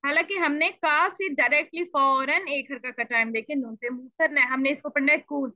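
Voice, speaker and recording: A woman teaching Quran recitation in an online lesson, explaining patiently and repeating syllables to demonstrate, clearing her throat now and then. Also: high voice, a little fast, no room sound. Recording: dull lo-fi dry audio.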